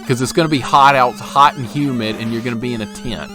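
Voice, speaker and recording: A man in his 40s from Alabama chats and rambles while live-streaming a retro game, interrupting himself often in a chatty way. His voice sits in the mid-range and moves at a quick pace, with game music playing behind him.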